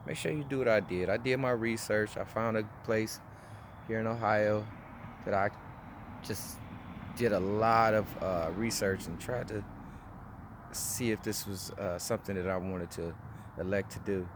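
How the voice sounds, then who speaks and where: Vlogger, man in his forties, low voice, loose rambling delivery, street noise behind. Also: a little slow. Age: 40s. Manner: rambling, with frequent restarts and fillers. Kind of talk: casual personal review.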